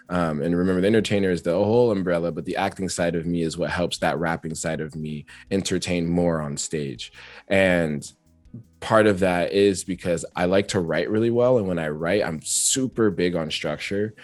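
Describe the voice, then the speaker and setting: A man's voice: deep voice, no room sound. A man, a rapper, chatting as an interview guest, talkative and reflective and laughing often. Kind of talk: casual interview chat.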